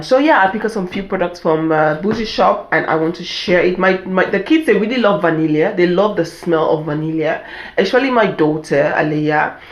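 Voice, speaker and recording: A middle-aged woman with a stuffed-up, nasal voice from an allergy, chatting casually through an unboxing vlog and repeating her points for emphasis. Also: mid-range voice. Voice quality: congested, nasal. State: stuffed-up nose from an allergic reaction. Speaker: beauty and self-care vlogger. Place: indoor room at home. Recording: echoey room.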